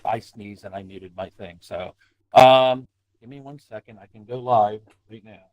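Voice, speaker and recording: A man's voice: fairly low pitch, normal speed, dry recording, lo-fi sound. A man chatting casually as a player on a gaming livestream, easygoing and mildly puzzled. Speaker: player on the stream.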